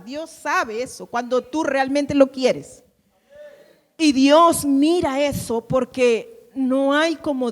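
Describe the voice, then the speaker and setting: A woman pastor giving an emphatic sermon, repeating phrases and having the congregation say lines back. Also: high-pitched. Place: church. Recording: long hall reverb.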